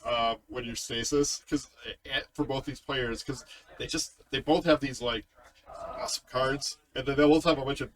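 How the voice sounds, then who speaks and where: A man's voice: mid-range voice, steady tone, normal speed, a bit bright. A man giving live card game commentary in a casual, chatty way, reacting to the plays. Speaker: tournament commentator.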